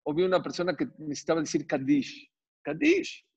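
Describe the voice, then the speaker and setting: A man preaching as a rabbi, emphatic and animated, with much repetition, on a dull lo-fi recording. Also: fairly high pitch, quick pace, slightly rough. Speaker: rabbi teaching a Torah class. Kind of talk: sermon.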